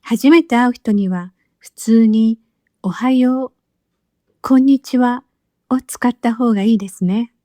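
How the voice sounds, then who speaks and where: Slow, patient woman teaching a lesson. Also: fairly high pitch, dark tone, no echo. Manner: clear, patient, explanatory. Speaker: Japanese teacher. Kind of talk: scripted lesson narration.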